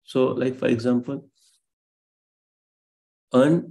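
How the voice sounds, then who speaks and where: Gravelly man lecturing online. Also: mid-range voice, unhurried, darkish tone. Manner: explains patiently, many fillers and self-corrections.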